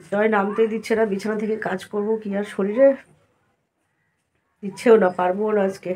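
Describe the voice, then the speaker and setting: Feverish woman talking softly in a vlog. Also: medium pitch, slight background noise. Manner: tired, soft, complaining. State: sick with fever and sore throat. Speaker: vlogger. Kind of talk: casual home vlog.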